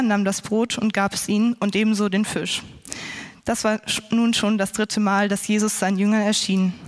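A woman, a church intern, reading a scripture passage aloud in a steady, plain way. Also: mid-range voice. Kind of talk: Bible reading.

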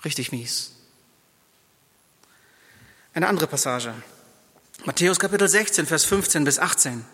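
A man preaching a sermon, retelling Bible stories in lively, everyday words. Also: a little high, brisk, in a large hall. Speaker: pastor.

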